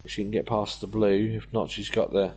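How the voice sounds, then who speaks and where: Low-voiced man commentating on snooker. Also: little pitch movement, brisk, a little mellow, slightly rough. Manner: analytical, talking through each shot. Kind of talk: live sports commentary, conversational.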